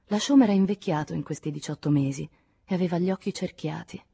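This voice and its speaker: A woman reading a literary novel aloud in a measured, even audiobook narration. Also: fairly low pitch, gravelly, slightly rough. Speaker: audiobook reader.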